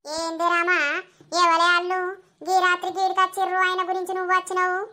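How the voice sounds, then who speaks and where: A woman voices a nosy village neighbor in a cartoon. She scolds and pries with a Telangana accent, in a very high, bright voice that rises when she gets heated. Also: monotone, fast talker. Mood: prying. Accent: Telangana Telugu. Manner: scolding, prying. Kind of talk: cartoon voice acting.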